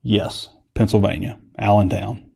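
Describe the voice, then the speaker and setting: A man's voice: fairly low pitch, fairly even intonation, unhurried, gravelly, mellow, husky. A man hosting a casual sports podcast, talking in a rambling, conversational way. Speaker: podcast host.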